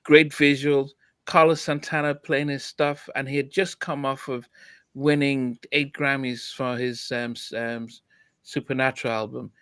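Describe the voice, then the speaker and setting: A man's voice: mid-range voice, little pitch movement, unhurried, a bit bright, clear, resonant tone, no echo. A man hosting a podcast, chatting casually about an album with lots of restarts. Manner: hesitant, many restarts and fillers. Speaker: podcast host. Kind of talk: casual music review chat.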